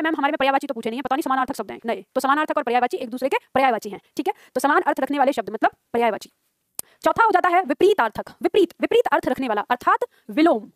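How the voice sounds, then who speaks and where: A woman teaching Hindi grammar to a live class that is also streamed online, brisk, asking questions and answering them herself, with teasing asides to students. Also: high-pitched, no room sound, studio quality.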